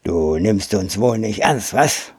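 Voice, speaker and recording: A man voicing a hoarse, bossy male monkey chief in war paint who barks orders in a storybook reading. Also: fairly low pitch, animated, takes it slowly, a little mellow, exaggerated voice. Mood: commanding. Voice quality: hoarse, hissing. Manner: barking commands.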